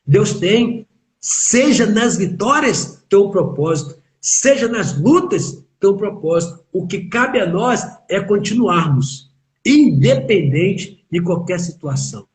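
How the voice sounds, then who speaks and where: Man, Brazilian Portuguese accent, pastor, emphatic sermon, rhetorical questions, higher-pitched. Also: expressive, slow pace. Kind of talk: sermon in a live online chat.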